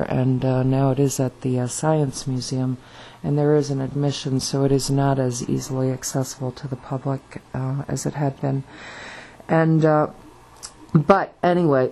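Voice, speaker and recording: This video blogger speaks in a low, warm voice over poor audio. Rambling on her own with her morning voice still in place, she stumbles through plenty of fillers and restarts.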